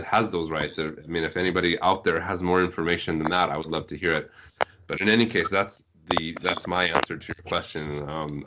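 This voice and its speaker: Speaking against a noisy background, a man with a low voice chats as a guest on a podcast. He translates web novels and explains things in a relaxed, talkative manner.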